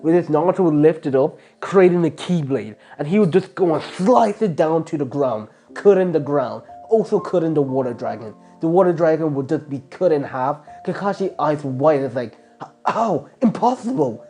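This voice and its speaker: A man's voice: on the high side, lively intonation, moderate pace, few pauses, dark tone, faint music behind. A man casually improvising a fan fiction story, rambling with constant filler words and restarts.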